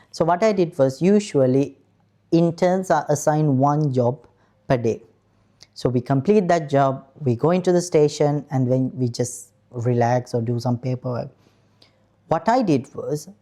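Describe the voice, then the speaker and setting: This personal story is told to camera by a man in his thirties who works as an aeronautical engineer and comes from Sri Lanka. His medium-pitched, warm voice carries an earnest, frank tone as he addresses the viewer head-on.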